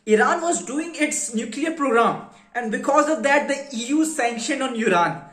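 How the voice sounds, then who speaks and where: An educator with an Indian accent gives an informal finance explainer lecture, emphatically posing questions and answering them himself. His voice is extremely high, expressive and a bit bright at a normal speed, and the recording sounds roomy and echoing.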